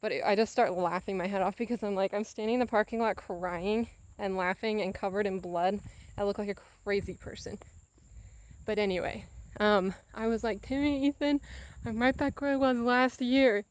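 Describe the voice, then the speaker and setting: At normal speed and medium pitch, with no room sound, a young woman vlogs candidly and casually into a camera. She recounts conversations with animation, acting out what each person said.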